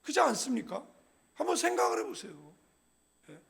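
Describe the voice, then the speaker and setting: Middle-aged pastor, man, high and gravelly, lively jokey sermon with constant call-and-response to the congregation. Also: brisk. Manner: humorous, conversational preaching with frequent call-and-response "예?"; acts out quoted people in a lower, softer voice. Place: church sanctuary.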